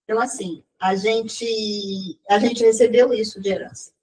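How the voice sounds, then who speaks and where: A woman giving a personal testimony to a church group, telling stories in an animated way and often repeating and restarting her phrases. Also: medium pitch, measured pace, far from the mic, rough recording.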